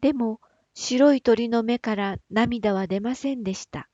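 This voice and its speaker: A woman reading a fairy tale aloud in a slow, gentle, breathy storybook manner. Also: on the high side, no echo. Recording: dull, dry, slightly lo-fi recording.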